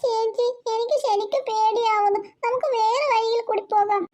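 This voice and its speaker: A woman's voice: very high voice, steady tone, moderate pace, mellow. A woman voicing a timid little girl in a cartoon who whines and pleads. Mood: scared, whiny. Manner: whining, pleading. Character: timid whiny little girl, afraid of escalators. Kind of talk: cartoon voice acting.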